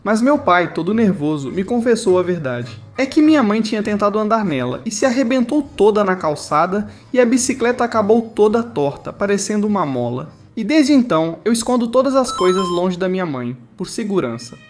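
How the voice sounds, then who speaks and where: A man narrating funny family anecdotes with animated, exaggerated comic delivery. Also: sits high, brisk, few pauses, soft background music. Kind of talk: scripted comedic story narration.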